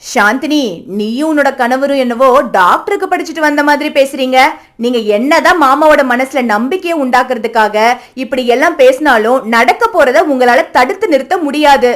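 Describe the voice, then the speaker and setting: A woman's voice: high voice, expressive, normal speed. A woman voicing a greedy, scheming young wife in a cartoon, talking in a nagging, sarcastic way. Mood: scolding. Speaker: elder daughter-in-law. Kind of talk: cartoon voice acting.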